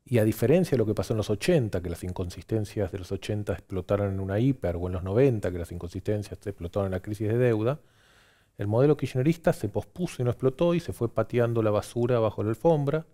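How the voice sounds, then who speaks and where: A man's voice: lowish voice, quick pace, dark tone. A man with an Argentine accent, a pollster guest giving fluent political analysis on TV and listing his points one after another.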